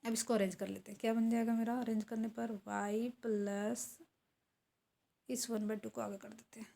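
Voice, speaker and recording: Woman lecturer, lesson, mellow tone, fairly high voice, talks through each step. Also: little pitch movement, moderate pace, vocal fry. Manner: talks while writing, asks and answers own questions. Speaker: economics teacher.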